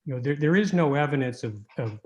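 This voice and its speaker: Halting male lawyer arguing a case. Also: medium pitch, lively intonation, a little mellow. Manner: halting, argumentative, repeating words as he goes. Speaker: appellate lawyer. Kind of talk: oral argument in court.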